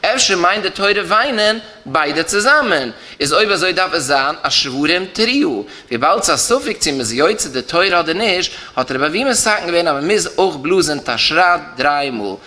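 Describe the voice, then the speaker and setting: Male rabbi, Yiddish accent, lecture chant with rising and falling lines, bright voice. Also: fairly high pitch, expressive, normal speed, hardly any pauses. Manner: rising and falling chant, stresses key terms, repeats phrases. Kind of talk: Talmudic lecture in a singsong study chant.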